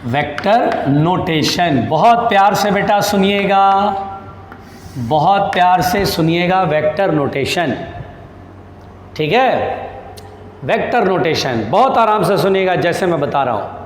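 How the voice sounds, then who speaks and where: Patient, high-voiced male physics teacher. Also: expressive, echoey room, big-room sound, a little hiss or hum. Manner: patient, repeats key terms slowly; calls students "beta", reassuring. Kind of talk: classroom lecture.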